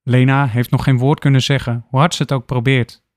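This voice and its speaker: A man narrating an audiobook story in a steady, even delivery. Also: mid-range voice, a little fast, no echo, studio quality.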